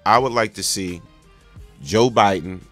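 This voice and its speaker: A man works as a morning radio DJ on a call-in show, with music playing faintly underneath. His talk is loose and informal, with repeated phrases and friendly shout-out patter, at an ordinary male pitch on the low side. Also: a little slow. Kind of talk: morning radio DJ chat, casual call-in hosting.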